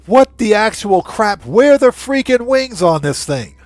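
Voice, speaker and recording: A livestream host with a somewhat high, very animated voice comments on a casual gameplay stream, his intonation swinging widely as he exclaims and repeats short phrases for emphasis. He speaks unhurriedly, with no echo.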